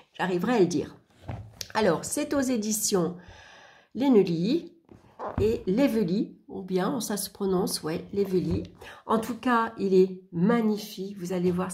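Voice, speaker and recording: A woman's voice: mid-range voice, a little mellow. A woman giving a casual show-and-tell of a tarot deck, chatty and full of little asides.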